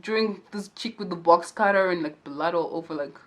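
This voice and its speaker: A woman's voice: fairly low pitch, brisk. A young woman telling a true crime story to camera in a casual, chatty way, full of "like" fillers and slangy asides. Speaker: true crime and makeup YouTuber.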